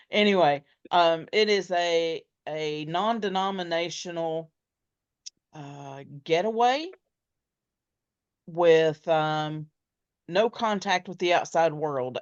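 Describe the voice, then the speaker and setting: Low-voiced woman, candid and dry. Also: no room sound. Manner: candid, dry humor, laughs easily. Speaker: podcast co-host. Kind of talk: casual faith chat. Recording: dull, slightly muffled sound.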